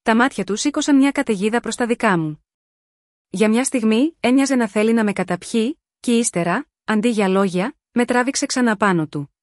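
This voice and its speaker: A woman reading a scripted first-person romance story in a measured, sensual storytelling manner. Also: on the high side, no echo, studio quality.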